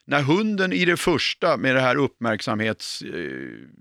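Man, 60s, dog trainer, gravelly, dry close sound, firm emphatic explaining. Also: medium pitch, huge pitch swings, fairly bright tone, no room sound. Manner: firm, emphatic, with frequent tag questions. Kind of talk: conversational expert explanation.

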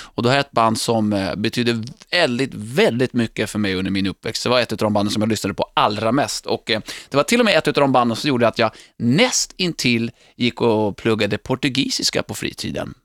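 A man's voice: medium pitch, lively intonation, a bit bright, no echo, clean studio sound. A man co-hosting a casual music podcast chat, talking enthusiastically and laughing as he tells stories. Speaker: podcast co-host.

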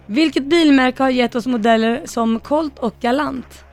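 High-voiced woman reading quiz questions. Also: soft background music. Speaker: radio co-host, quiz reader.

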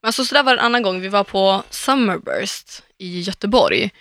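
Bright-voiced outspoken woman chatting. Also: medium pitch, no echo, clean studio sound. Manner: animated storyteller, mixes in English phrases; stubborn, outspoken. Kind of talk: casual chat.

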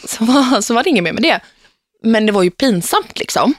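A woman's voice: a little high, expressive, no room sound, studio quality. A young woman hosting a casual podcast, telling stories animatedly, acting out quotes and laughing often. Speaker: podcast host.

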